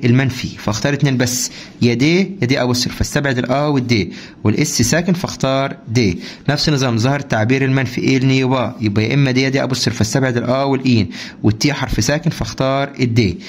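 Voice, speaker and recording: A man with an Egyptian Arabic accent teaching a French lesson, drilling through homework answers and quizzing the class with quick rhetorical questions. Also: mid-range voice.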